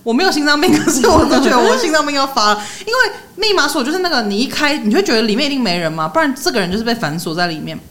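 A young woman, co-hosting a podcast and telling stories in a lively way, laughing often. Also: sits high, very fast, hardly any pauses. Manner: animated storyteller, laughs often. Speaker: podcast co-host. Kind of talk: casual chat.

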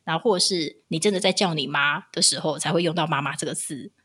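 A woman, co-hosting a podcast in casual chat and telling animated stories. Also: low voice, fast talker, breathy edge. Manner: animated storytelling, acts out voices with laughs. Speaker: podcast co-host.

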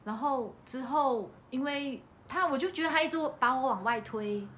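A little hiss or hum sits under this woman's high-pitched voice as she talks at a moderate pace. She has a Malaysian Mandarin accent and is casually telling a personal story on a podcast, lively in the way she acts out quoted dialogue.

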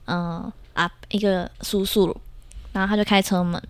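A woman from Taiwan, co-hosting a podcast and telling childhood stories in a lively way, acting out the voices of the people in them and often laughing. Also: mid-range voice, moderate pace, clear, resonant tone, no echo. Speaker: podcast co-host. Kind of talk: casual chat, storytelling.

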